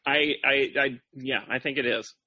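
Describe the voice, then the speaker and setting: A man's voice: mid-range voice, fairly even intonation, normal speed, pushed and bright, breathy edge, dry recording. A man appearing as a guest on a casual car podcast, giving short replies and laughing easily.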